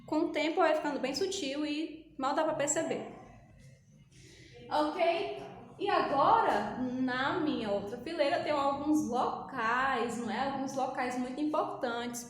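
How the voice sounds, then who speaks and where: In an echoey room with faint ambience, a woman with a high voice teaches English to Brazilian schoolchildren in a recorded online class. She patiently repeats and drills pronunciation, and there's a little hiss or hum.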